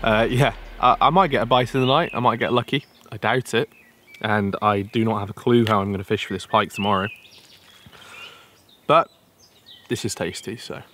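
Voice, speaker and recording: A man's voice: fairly low pitch, steady tone, normal speed, pauses often, bright, forceful tone, a little hiss or hum. A young man vlogging outdoors by a lake, talking casually to a handheld camera with wry, self-deprecating asides. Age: young adult. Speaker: fishing vlogger. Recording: music bed underneath.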